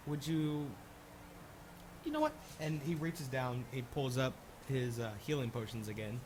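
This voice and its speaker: A man's voice: mid-range voice, expressive, measured pace. A man improvising narration as a tabletop game master, hesitant and thinking aloud. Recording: clear background noise.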